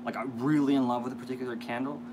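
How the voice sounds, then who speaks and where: A man's voice: medium pitch, steady tone, very fast, noisy background. A man talking casually to viewers as a vlog host, rambling and hesitant with self-deprecating asides. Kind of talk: casual unboxing chat to viewers.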